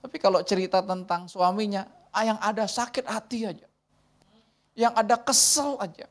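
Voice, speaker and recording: A woman in her forties, a pastor giving a lively sermon in a conversational, way, acting out quoted dialogue. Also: medium pitch, moderate pace. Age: 40s.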